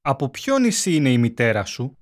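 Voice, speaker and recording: Mid-pitched voice reading lesson dialogue. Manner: even, read-aloud conversational lines.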